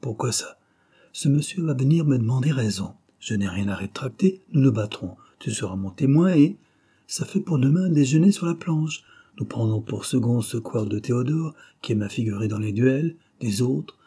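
A man voicing a big, brash young man who talks bluntly and provokes others with mocking calm. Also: medium pitch, normal speed, husky. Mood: defiant.

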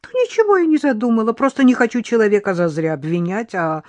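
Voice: medium pitch, lively intonation, quick pace, a little mellow, no room sound, voice pushed up, lightly acted. A reader voicing a cheeky, secretive young maid. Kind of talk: audiobook character voice.

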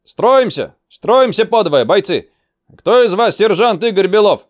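A man voicing a gruff male drill instructor who shouts out roll calls. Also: high voice, lively intonation, a little slow, no echo, studio quality, pitched above the performer's own voice. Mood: shouting.

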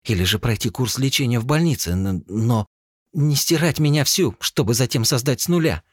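A man's voice: medium pitch, lively intonation, fast talker, dry recording, studio quality, voice pushed up, lightly acted. A man voicing a young woman in an audiobook, a distraught sister who talks in tearful, accusing bursts. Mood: anguished, furious.

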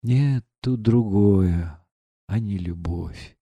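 Мужчина-чтец, озвучивающий кроткого, измученного молодого князя, говорит тихо и умоляюще. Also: male voice, fairly low pitch, extremely slow, no echo, full character voice. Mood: troubled. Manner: soft, pleading, troubled. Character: gentle anguished young prince.

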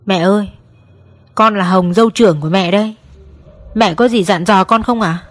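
A woman's voice: mid-range voice, normal speed, natural voice. A woman voicing a grieving eldest daughter-in-law who wails and sobs in lament, in a spoken story. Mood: coaxing. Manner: sobbing lament.

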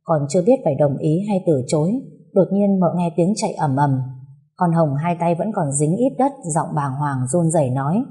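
A woman narrating a family drama story in a steady voice. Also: low-pitched, normal speed, slightly rough.

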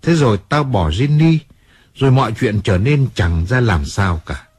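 A man's voice: mid-range voice, expressive, moderate pace, a little mellow, husky, no echo. A man reading a bitter, remorseful fading singer. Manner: remorseful, self-pitying outbursts. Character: Johnny, 35-year-old fading male singer, drunk, bitter. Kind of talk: audiobook character reading.

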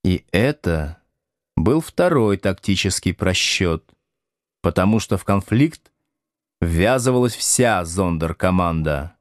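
A man narrating an audiobook in a measured, expressive storytelling voice. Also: low-pitched, dry recording, clean studio sound. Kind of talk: scripted narration.

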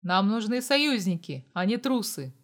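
A woman voicing a cold, ruthless middle-aged father in an audiobook, curt and loud. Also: mid-range voice, sing-song, measured pace.

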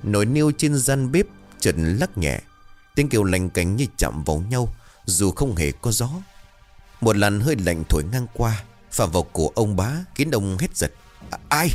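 A man telling a scripted horror story in a steady, dramatic way. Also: on the low side, normal speed, faint music behind.

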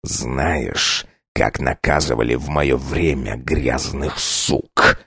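A man's voice: creaky, bright, forceful tone, breathy edge, no room sound, clean studio sound, heavily acted. A man doing a cruel, growling vampire count. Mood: menacing. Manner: low, slow, threatening growl. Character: cruel menacing vampire count, adult male.

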